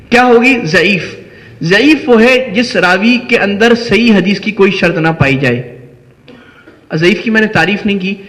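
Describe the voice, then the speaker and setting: Man, Pakistani Urdu accent, scholar's lecture, high voice, long echo. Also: a bit bright. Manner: explanatory, poses and answers his own questions. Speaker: Islamic scholar teaching hadith studies. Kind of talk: classroom lecture. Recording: long hall reverb.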